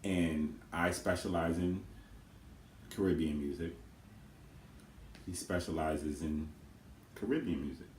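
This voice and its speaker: A man's voice: low voice, slow, long pauses, darkish tone. A man co-hosting a casual question-and-answer video with his twin, speaking earnestly and with emphasis. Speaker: co-host twin. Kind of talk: casual Q&A chat. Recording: echoey room with faint noise.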